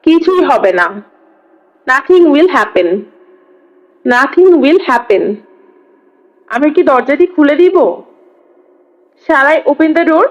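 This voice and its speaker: A woman's voice: high-pitched, animated, extremely slow, long pauses. A woman teaching English, reading each phrase in Bengali and then saying the English twice. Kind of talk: reading phrase drills aloud. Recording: dull lo-fi sound.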